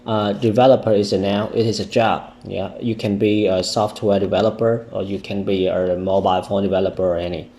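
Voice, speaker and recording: A man with a Vietnamese accent teaching English vocabulary, slowly repeating words to drill their stress. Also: lowish voice, level tone, mellow, slight background noise. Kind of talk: vocabulary lesson with pronunciation drills.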